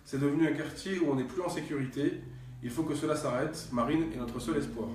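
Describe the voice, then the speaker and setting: A man's voice: on the high side, brisk, a little mellow, slight background noise. A man hosting a live stream, asking guests questions and reading viewer comments aloud. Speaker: host. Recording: distant echoey room sound.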